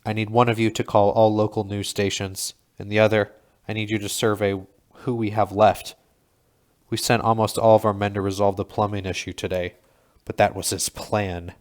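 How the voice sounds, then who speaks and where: A man's voice: on the low side, little pitch movement, normal speed, natural voice. A man voicing a boastful, hot-headed male army sergeant who barks orders in an audiobook. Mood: commanding. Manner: barking orders.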